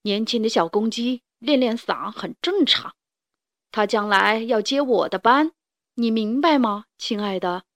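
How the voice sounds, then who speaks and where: A woman's voice: on the high side, animated, a little slow, fairly bright tone, no room sound, clean studio sound. A woman voicing a stern, authoritative father rooster in a storybook reading, speaking firmly. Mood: soothing. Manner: firm, commanding.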